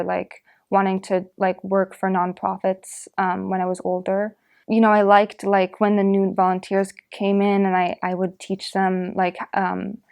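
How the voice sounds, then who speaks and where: Chatty teenage girl, flat delivery. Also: medium pitch. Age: teens. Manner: chatty, many "like" fillers. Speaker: interviewee, student volunteer. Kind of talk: casual recorded interview.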